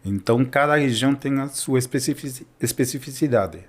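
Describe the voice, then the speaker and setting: A man from Peru who teaches Spanish speaks fairly quickly in a mid-range voice, using Portuguese with a Peruvian Spanish accent. It's an informal educational chat, and he frequently checks in with his listener.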